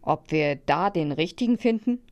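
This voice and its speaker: A woman's voice: low voice, expressive, moderate pace, a little mellow. Woman voicing a grumbly helpful dog, easygoing, storybook. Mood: grumbling.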